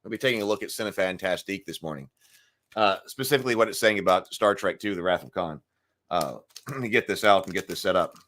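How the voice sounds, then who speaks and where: On his casual morning live stream, a middle-aged man thinks out loud with filler words and often clears his throat, his voice gravelly for the day. He talks fast, with a deep voice and a fairly bright tone.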